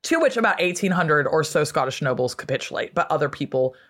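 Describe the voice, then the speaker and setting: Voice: medium pitch, expressive, fast, fairly bright tone. Chatty guest historian, filler-heavy. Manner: chatty, many fillers, acts out quotes. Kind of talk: casual history storytelling.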